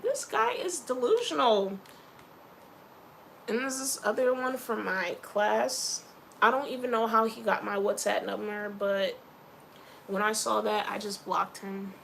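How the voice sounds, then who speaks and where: A young woman vlogger casually telling stories to camera, animated and acting out the people she quotes. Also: on the high side, gravelly, slight background noise, rough recording. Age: young adult. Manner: animated, quoting others in lively voices. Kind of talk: casual storytelling vlog.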